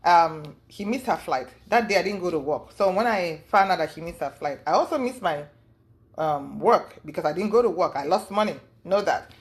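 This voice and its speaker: A woman telling her story in a casual interview, rambling with many fillers and acting out what others said in a high voice. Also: lively intonation, normal speed. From lives in the US. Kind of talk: casual storytelling recounting events.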